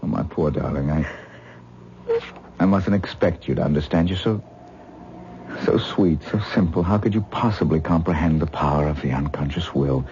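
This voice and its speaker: An actor with an extremely low voice speaks at normal speed, pausing often, as an intense man who lectures his wife on astral projection in a vintage 1970s radio drama. He sounds rapt, dreamy, earnest and gently condescending, heard through a muffled old broadcast with faint hiss.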